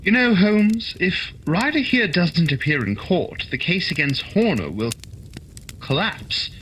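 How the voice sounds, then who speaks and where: An actor playing an earnest, kindly doctor, a detective's loyal companion, in a radio play. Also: male voice, sits high, animated, a little slow, fairly bright tone, a little hiss or hum, poor audio. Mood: earnest persuading. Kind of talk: holiday radio play acting.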